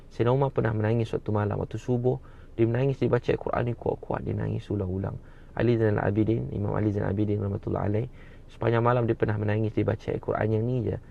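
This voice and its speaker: Gravelly Malaysian preacher, fervent and repetitive. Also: male voice, fairly low pitch. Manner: fervent, repetitive, addresses audience as tuan-puan. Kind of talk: sermon. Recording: dull lo-fi recording with faint background noise.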